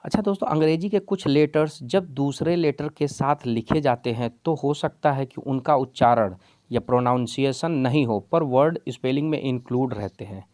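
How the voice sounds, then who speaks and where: A man's voice: mid-range voice, moderate pace, mellow, no room sound. A man teaching spelling rules patiently, step by step, calling his viewers friends. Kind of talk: explaining a lesson in Hindi.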